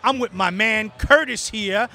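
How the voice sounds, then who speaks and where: A man's voice: high voice, measured pace, crowd noise. A middle-aged man with a Brooklyn accent hosting casual trade show interviews in a brash, chummy, emphatic way. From New York. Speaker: show host and reviewer. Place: trade show floor booth indoors. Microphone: handheld microphone. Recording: noisy convention hall.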